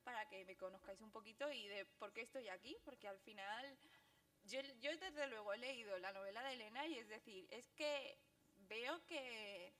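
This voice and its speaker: A young woman with an Andalusian accent, giving a fast, animated talk with lots of laughter at a book presentation. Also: fairly high pitch. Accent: Andalusian Spanish. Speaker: guest speaker, graphic novelist.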